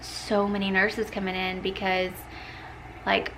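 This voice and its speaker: A woman's voice: mid-range voice, completely flat delivery, measured pace, fairly bright tone, a little hiss or hum, rough recording. A young woman, casually telling a personal story, full of "like" fillers and acted-out quotes. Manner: chatty, many "like" fillers, acts out quoted lines. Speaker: vlogger.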